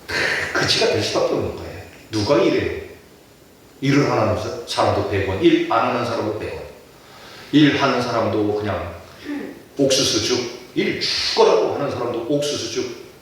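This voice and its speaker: Middle-aged male pastor from Chungcheong, lively swinging delivery, heard from a distance in a very reverberant church. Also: mid-range voice, slight background noise. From Chungcheong, Korea. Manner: animated, poses rhetorical questions to the congregation. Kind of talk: sermon. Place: church sanctuary. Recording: echoey church hall, distant mic.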